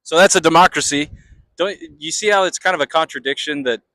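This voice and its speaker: Casual American man, halting, dry sound. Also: on the high side, pushed and bright, dry recording, low-quality recording. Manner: rambling, halting, repeats phrases. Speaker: street interviewer. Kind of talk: casual, unscripted street talk.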